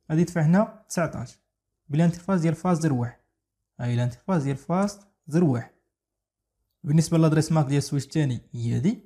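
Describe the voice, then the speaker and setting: Rapid husky Moroccan man teaching. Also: a little high, mellow. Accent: Moroccan Arabic. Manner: rapid explanatory, mixing French and English technical terms. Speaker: networking instructor. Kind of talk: screen-recorded tutorial walkthrough.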